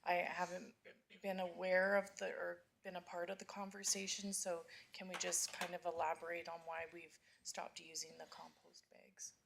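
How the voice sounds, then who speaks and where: A woman's voice: on the low side, little pitch movement, normal speed, vocal fry, hardly any pauses, fairly bright tone, a little hiss or hum. A woman councillor asks hesitant follow-up questions in a council meeting, with plenty of fillers. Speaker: town councillor. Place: council chamber.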